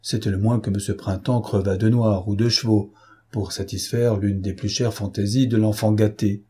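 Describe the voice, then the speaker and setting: A man narrating a novel as an audiobook reader, measured and even. His voice sits low with a dark, mellow tone and a slight husk. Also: slightly rough. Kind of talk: scripted literary narration.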